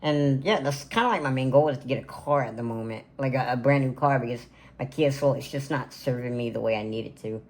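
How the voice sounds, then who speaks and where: Speaking fairly quickly at a medium pitch, a twenty-something man records a birthday vlog in his home gaming room. The content creator talks to camera in a loose, rambling way, leaning heavily on fillers.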